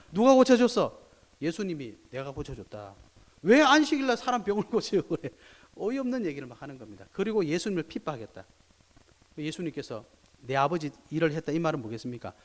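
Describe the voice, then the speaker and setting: A male pastor preaching a sermon, acting out the voices he quotes. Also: fairly high pitch. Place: church sanctuary. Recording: long church hall reverb.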